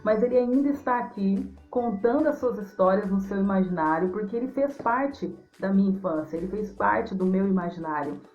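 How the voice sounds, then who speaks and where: A woman's voice: medium pitch, expressive, moderate pace, hardly any pauses. A Brazilian woman from Mato Grosso do Sul, a storyteller and writer, answering interview questions for young listeners in an affectionate, effusive way. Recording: dull lo-fi sound with music.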